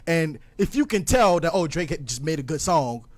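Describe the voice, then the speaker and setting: A man's voice: on the high side, animated, normal speed, dry recording. A young man from Ghana, a guest, talking earnestly and reflectively in a casual interview, with plenty of ums and restarts. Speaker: guest music producer.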